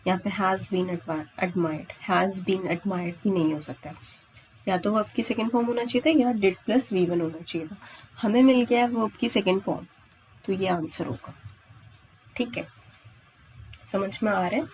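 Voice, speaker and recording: A woman with an Indian accent gives a step-by-step exam-prep grammar lesson at a measured pace, her medium-pitched voice a little mellow. She keeps checking that listeners follow with frequent questions and tags. The low-quality recording carries a slight hiss or hum.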